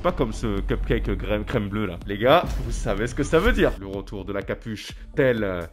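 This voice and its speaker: A young man, a gaming YouTuber, seated at home, giving excited commentary with crude jokes and sudden shouts. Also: lowish voice, moderate pace, faint music behind. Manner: hyped, crude joking, bursts of shouting.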